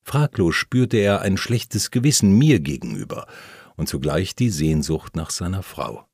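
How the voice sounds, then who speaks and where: A man reading a first-person memoir aloud, telling the story calmly and plainly while voicing the quoted lines. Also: low voice, unhurried, creaky, breathy edge, no echo, studio quality. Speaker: audiobook narrator.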